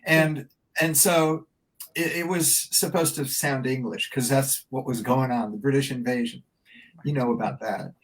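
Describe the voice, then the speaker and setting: A man's voice: medium pitch, fairly even intonation, unhurried, low-quality recording. A man in his seventies, a band member being interviewed, telling a long anecdote in a rambling, chatty way. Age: 70s. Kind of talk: casual interview storytelling.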